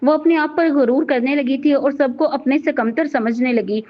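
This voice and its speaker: A woman narrating a novel in a steady, even storytelling voice. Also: high-pitched, moderate pace. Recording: dull lo-fi recording.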